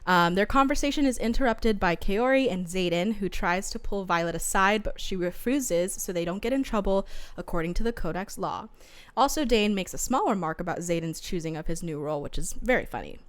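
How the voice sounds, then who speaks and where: A woman's voice: medium pitch, expressive, fairly quick, hardly any pauses. A young woman co-hosting a casual book podcast, chatting in a bubbly, giggly sorority-girl manner. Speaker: podcast co-host.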